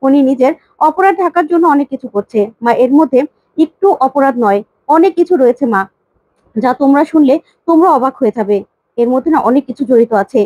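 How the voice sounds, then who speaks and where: A woman's voice: high-pitched, animated, a little fast, mellow, dry recording, muffled recording. A woman voicing an earnest young husband. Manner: earnest, urgent explaining.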